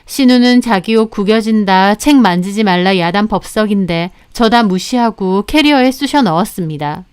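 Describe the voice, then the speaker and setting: Smooth-voiced woman narrating a story. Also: medium pitch, expressive, normal speed, darkish tone, no echo, studio quality. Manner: firm, matter-of-fact retelling.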